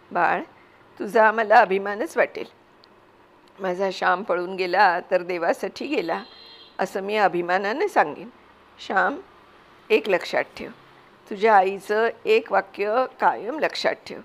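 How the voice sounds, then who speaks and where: A gentle, devoted village mother speaking softly and earnestly, as a woman reader voices her. She comforts her son in an audiobook story reading, in a voice close to the reader's own. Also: mid-range voice. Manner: soft, earnest and consoling.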